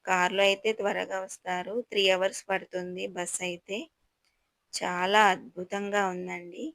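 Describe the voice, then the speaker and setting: A woman's voice: fairly low pitch, level tone, normal speed, gravelly, a bit bright, no room sound, low-quality recording. A woman gives a chatty, admiring guided tour and talks straight to her viewers. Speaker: travel vlogger touring a palace. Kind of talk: casual guided tour narration.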